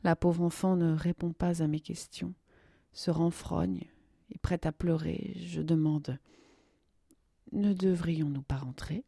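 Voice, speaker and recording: A woman narrating a story in a hushed, measured way, dropping to a whisper at tense moments. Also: fairly low pitch, little pitch movement, creaky, no echo, clean studio sound. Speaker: audiobook narrator.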